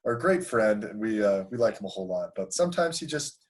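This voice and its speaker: A man's voice: lowish voice, lively intonation, a little fast. A man hosting a casual podcast, joking around with friends and rambling through lots of filler words. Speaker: podcast host.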